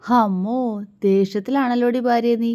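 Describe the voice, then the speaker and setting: A woman voicing a young husband who is quick-tempered but loving, with a gruff, scolding and teasing manner. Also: fairly high pitch, fairly even intonation, dark tone, pitched above the performer's own voice, close to an everyday voice.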